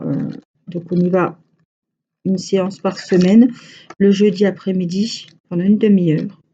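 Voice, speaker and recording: A woman with a Franche-Comté French accent chats to her viewers and rambles from one detail to the next. Her voice is very dark and mellow, with a husky grain. The recording sounds dull and lo-fi. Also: fairly low pitch. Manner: chatty, rambling storytelling. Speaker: crochet vlogger. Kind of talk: casual chat to viewers.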